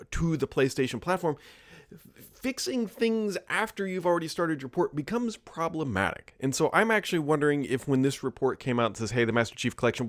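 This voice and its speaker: A man's voice: medium pitch, no echo, clean studio sound. A man giving casual solo video commentary, thinking aloud with frequent asides and self-corrections. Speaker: tech commentator.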